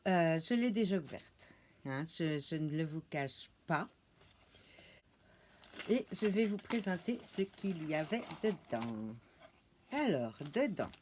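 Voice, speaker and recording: Slow, chatty French woman unboxing at home. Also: fairly low pitch, a little hiss or hum. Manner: chatty, hesitant, many fillers and restarts; laughs easily while showing items. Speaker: unboxing vlogger. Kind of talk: casual unboxing chat.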